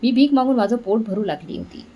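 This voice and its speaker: A woman's voice: fairly high pitch, lively intonation, a little fast, highs cut off, a little hiss or hum, voice pushed up, close to an everyday voice. A woman voicing a young beggar woman who is humiliated but proud, speaking in a pleading, emotional way. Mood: sorrowful.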